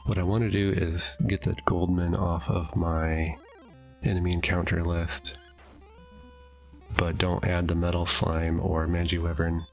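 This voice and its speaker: A deep, gravelly, darkish voice belongs to a middle-aged let's play host who is stuffy and sniffling as he comments on his gameplay in his home basement. He speaks at a measured pace with little pitch movement, thinking aloud hesitantly and correcting himself, over soft background music.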